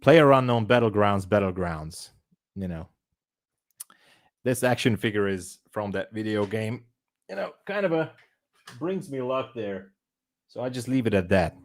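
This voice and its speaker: Slow, low-voiced man from Hungary. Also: lively intonation, no room sound, clean studio sound. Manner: chatty, laughs often, thinks aloud. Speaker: livestream trading host. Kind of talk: casual live-stream chat.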